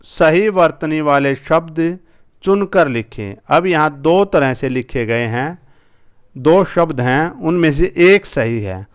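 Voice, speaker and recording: A male teacher going through a school language lesson, repeating each word slowly two or three times. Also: medium pitch, clean tone.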